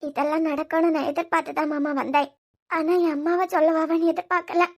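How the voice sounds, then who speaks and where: A woman with a Kanyakumari Tamil accent voicing a grieving young wife who talks softly and tearfully in a cartoon series. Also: high voice, little pitch movement, quick pace. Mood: sorrowful. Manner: soft, tearful pleading. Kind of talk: cartoon web series dialogue.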